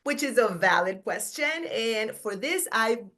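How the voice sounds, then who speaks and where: A woman's voice: fairly high pitch, expressive, unhurried, fairly bright tone. A middle-aged woman teacher giving a conference workshop talk, chatty and informal, checking in with "right?" and correcting herself mid-sentence. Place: conference room.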